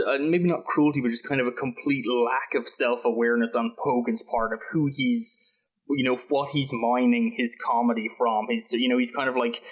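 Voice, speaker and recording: A man who grew up in the UK, talking loosely through a film in a podcast chat, with lots of fillers and restarts. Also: medium pitch. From United Kingdom. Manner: rambling, hesitant, with many fillers and restarts. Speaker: podcast co-host. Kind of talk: casual film-review chat.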